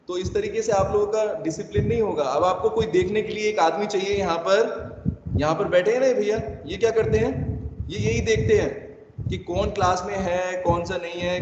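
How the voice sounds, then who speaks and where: A male chemistry teacher with a high voice lectures his students, mixing scolding with step-by-step explanation. The sound rings with a long echo. The recording is dull and carries steady background noise. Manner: scolding then explaining, calls students beta. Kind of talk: online class lecture. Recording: echoey, dull, noisy room recording.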